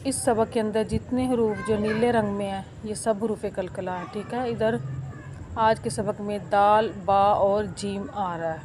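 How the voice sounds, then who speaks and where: A woman teaching Quran recitation step by step. She spells each word out slowly, one syllable at a time, and then explains it quickly. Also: mid-range voice, steady tone, noisy background.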